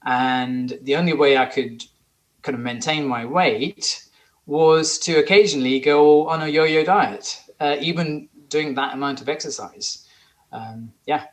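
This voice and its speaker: A man's voice: a little high, measured pace. Earnest man in his forties. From Sri Lanka. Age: 40s. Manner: earnest, eager, with some restarts. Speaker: podcast guest. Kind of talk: conversational interview.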